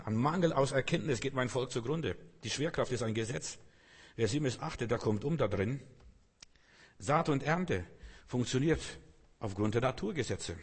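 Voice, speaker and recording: A husky man pastor preaches an earnest sermon, talking straight to his congregation and circling back over his points. His voice sits in a middle register and trails a long hall reverb. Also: mid-range voice. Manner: earnest, repetitive, addresses listeners directly.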